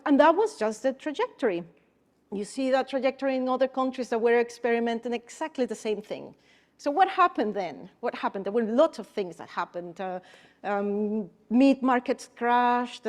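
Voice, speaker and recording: A woman's voice: on the high side, darkish tone. Earnest Costa Rican woman panelist. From Costa Rica. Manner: earnest, emphatic storytelling with repetitions. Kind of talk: conference panel remarks.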